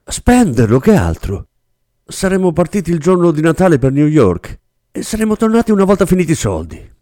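A man voicing a scared young male clerk who pleads in a high, strained, hurried voice, in an audiobook reading. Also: very animated, dark tone, dry recording, clean studio sound. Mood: frightened, pleading.

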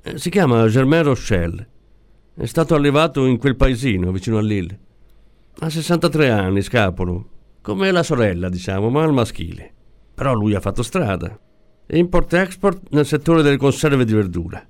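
A man's voice: medium pitch, sing-song, moderate pace. A man voicing a matter-of-fact male police officer with a dry, terse manner. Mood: reporting.

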